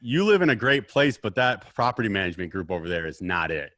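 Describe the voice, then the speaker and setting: A man's voice: lowish voice, big pitch swings, fast talker, a bit bright, dry recording. Chatty male podcast host, dry close sound. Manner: friendly, chatty, long rambling questions. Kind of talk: casual interview chat.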